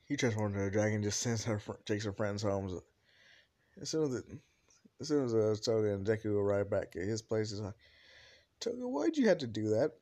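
A man's voice: lowish voice, steady tone, fairly quick, warm tone. A man improvising a fan-fiction story aloud, rambling with many restarts and fillers.

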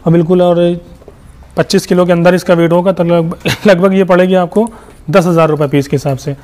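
A young man with an Uttar Pradesh Hindi accent gives a salesman-style tour of his goat farm's outdoor pens, naming prices and repeating fillers as he goes. He talks a little fast in a high-sitting, darkish voice with a steady tone.

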